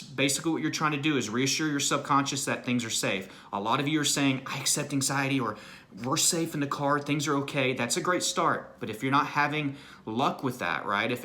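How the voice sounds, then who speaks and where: Bright-voiced man coaching through anxiety. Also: mid-range voice. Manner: earnest, repetitive, peppers lines with "right?" and "you know". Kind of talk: motivational self-help talk.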